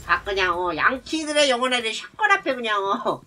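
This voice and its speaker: Animated man narrating his gameplay. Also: very high voice, fairly quick, slight background noise. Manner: talks to himself while playing, shouts at enemies; frequent filler sounds between actions. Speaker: game streamer. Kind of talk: live gameplay commentary.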